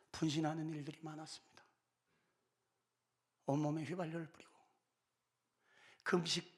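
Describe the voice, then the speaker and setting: A man in his fifties giving an impassioned church talk, pleading with urgent fervor. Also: a little high. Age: 50s. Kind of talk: impassioned exhortation.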